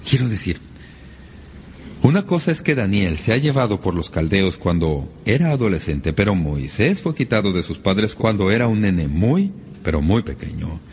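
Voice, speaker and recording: A man with a fairly low voice delivers a sermon, his pitch rising and falling in a lively, animated way. He leans hard on key words with sudden upward leaps. A faint noise sits under the recording. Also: normal speed. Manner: lively, emphatic preaching with sudden rises in pitch. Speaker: pastor.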